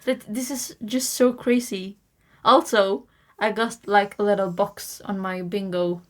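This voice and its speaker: A young woman co-hosting a casual podcast, giggly and excitable, quick to agree. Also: medium pitch. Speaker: podcast co-host. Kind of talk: casual chat.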